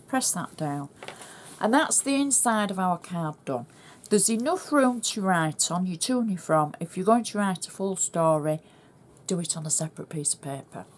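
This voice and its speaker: A woman's voice: lowish voice, slight background noise. A middle-aged woman with a Yorkshire accent, chatting through a cardmaking tutorial and explaining each step as she works. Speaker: craft tutorial host.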